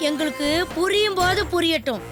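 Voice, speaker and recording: A sharp-tongued mocking mother. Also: extremely high pitch, lively intonation, a little fast. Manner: mocking, quarrelsome. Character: sharp-tongued sarcastic middle-aged mother. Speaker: scolding mother in a soap opera. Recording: drama soundtrack with loud music.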